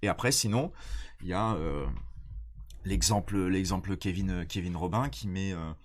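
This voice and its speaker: Male comedian, fairly low voice, nasal from a head cold, informal and hesitant explainer style. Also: slight background noise. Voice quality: congested, nasal. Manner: hesitant, halting, slangy. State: blocked nose from a cold. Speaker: stand-up comedian. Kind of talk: casual explanatory chat.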